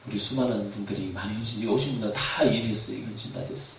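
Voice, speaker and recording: A man preaching a sermon as pastor, animated, shouting refrains and laughing as he tells stories. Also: lowish voice, racing. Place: church hall. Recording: echoey hall, far from mic, faint noise.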